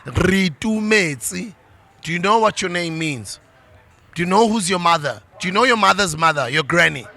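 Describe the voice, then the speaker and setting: A slightly fast, high-pitched voice, gravelly, pushed and bright, belongs to a middle-aged South African motivational speaker. He lectures parents passionately and preachily in a monologue, switching into isiZulu.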